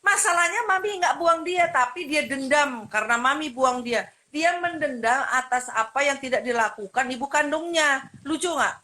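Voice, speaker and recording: Woman, high and bright, scolding account with repeated rhetorical questions. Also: normal speed, hardly any pauses. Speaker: vlogger telling her side of a family dispute. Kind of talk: heated personal account to camera.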